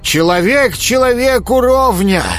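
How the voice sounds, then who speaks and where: A man's voice: extremely high pitch, a little slow, fairly bright tone, faint music behind, voice pushed up. A man voicing a meek male holy fool who speaks in a pious singsong in an audiobook.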